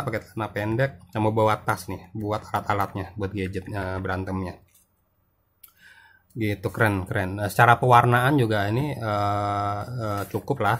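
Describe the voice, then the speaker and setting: A young man talks through a comic review in a relaxed, casual way. His voice sits a little low, and he hesitates often, repeating words and filling gaps as he thinks aloud. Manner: loose, hesitant, many fillers and repeats.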